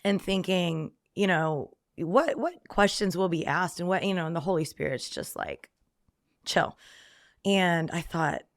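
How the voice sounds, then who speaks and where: A woman's voice: on the low side, gravelly, no echo, clean studio sound. A woman guest on a podcast giving a reflective faith testimony, with frequent ums, acting out her own past thoughts in quoted lines.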